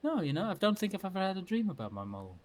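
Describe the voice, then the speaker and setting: Playful higher-voiced male guest. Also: sing-song, rapid-fire. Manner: playful, riffs into silly bits. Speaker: podcast guest. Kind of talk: casual comedic chat.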